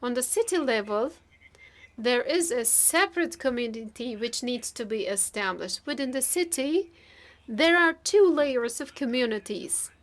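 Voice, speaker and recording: Working live, a high-voiced woman interprets a formal speech in small pieces, pausing between brief phrases and stretching her words. Her delivery is expressive throughout.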